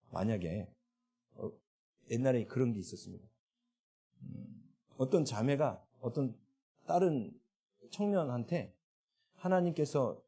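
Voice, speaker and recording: A man's voice: mid-range voice, slightly rough. A man preaching a sermon as pastor, asking the congregation question after question and answering them himself. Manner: lively rising and falling delivery.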